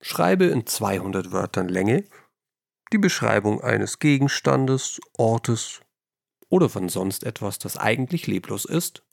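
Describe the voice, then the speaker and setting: Gravelly-voiced man with a lilt. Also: lowish voice, very animated, measured pace, no echo, clean studio sound. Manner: addresses the listener directly with instructive tips. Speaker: podcast host teaching creative writing. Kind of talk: scripted podcast lesson.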